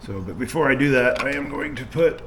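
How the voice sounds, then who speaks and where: Brisk and medium-pitched, a man narrates a casual how-to as he works on a car, thinking aloud and hesitating at times. He's a hobbyist mechanic who hosts a channel. The room is noisy, with his voice drifting off mic.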